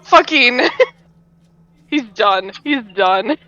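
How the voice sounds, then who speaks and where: A woman's voice: fairly high pitch, expressive, a little slow, fairly bright tone, highs cut off. A woman playing a tabletop roleplaying game, chatting casually and narrating what her character does.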